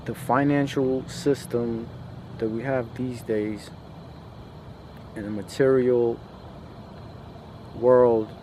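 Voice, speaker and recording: A podcast host from a post-Soviet country gives a casual, reflective monologue, hesitating, repeating himself, and filling gaps with slang. His mid-range voice stays fairly flat, and there's background noise.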